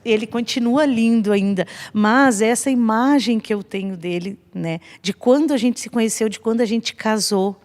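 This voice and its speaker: A woman's voice: fairly high pitch, normal speed, hardly any pauses, a little mellow. Brazilian woman, 50s, family ministry guest; friendly, chatty delivery with long reverb. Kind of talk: casual church podcast talk.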